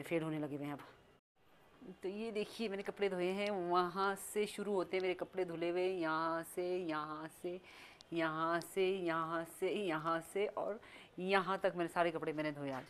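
A woman's voice: low voice, slight background noise. A woman vlogging casually at home and outside, chatty and scolding as she rambles. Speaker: family vlogger. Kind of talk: casual vlog narration. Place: home and outdoors. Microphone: phone camera.

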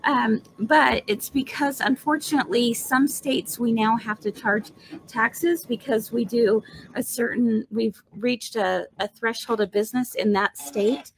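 Female home shopping host, chatty and enthusiastic, slightly high gravelly-edged voice, casual live craft demo, light background noise. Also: steady tone, measured pace, rough recording. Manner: chatty, enthusiastic, checks in with viewers. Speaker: host of a live embroidery demonstration and sales show.

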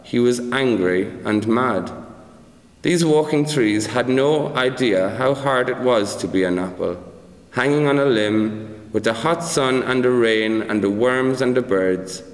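A man reading a children's story aloud as narrator, careful and measured. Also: medium pitch. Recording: echoey room with long reverb.

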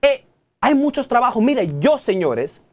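Lively Dominican man lecturing animatedly. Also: extremely high pitch, a little slow. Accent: Dominican Spanish. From Dominican Republic. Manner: animated, preachy, gestures a lot and keeps addressing the audience directly. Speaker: technology guest. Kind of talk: TV studio interview. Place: TV studio.

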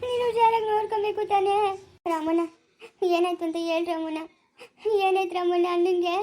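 A woman playing a tearful, high-voiced pleading sister. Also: steady tone, brisk, mellow, a little hiss or hum. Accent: Kannada, Chikkaballapura rural. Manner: pleading, tearful, repeating a name. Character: young woman anxious about her ailing brother. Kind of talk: village family drama acting.

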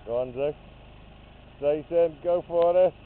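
A man chats and cheers his friends on outdoors while filming them, his voice sitting slightly high. It comes through thin old camcorder audio that sounds almost like a phone line. A faint hiss runs underneath. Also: slow. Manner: cheery, encouraging. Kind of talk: casual home video chat.

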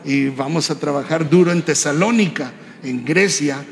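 A man preaching a sermon, telling a personal story in a conversational way and often tagging his lines with a quick question. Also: on the high side, gravelly. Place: church hall. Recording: reverberant church hall, faint background noise.

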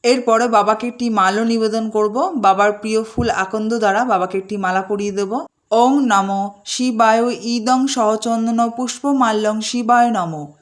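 A woman calmly guiding a home worship ritual step by step, slowing to chant short Sanskrit-style mantras between her instructions. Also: a little high. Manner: calm, measured, slows down to chant mantras. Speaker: puja instructor.

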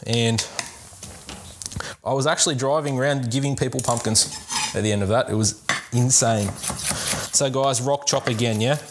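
A man's voice: medium pitch, moderate pace, pauses often. A young man hosting a cooking lesson in a home kitchen, chatting casually and upbeat to viewers while he chops vegetables. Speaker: cooking show host, sports dietitian. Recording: kitchen clatter and chopping noise. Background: knife chopping on board, dishes clinking.

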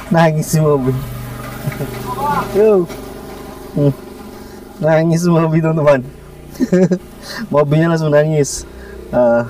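A man casually vlogging to his viewers about his pet monkey, talking gently and coaxing it with soft chuckles. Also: a little high, far from the mic, a little hiss or hum. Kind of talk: casual vlog narration to viewers.

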